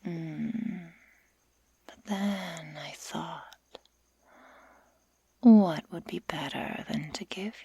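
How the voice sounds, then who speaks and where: For an ASMR roleplay, a woman voices a sadistic, taunting werewolf girl in a low, breathy whisper. She speaks slowly and deliberately with mock-sweet menace, heavily acted, and there's no room sound.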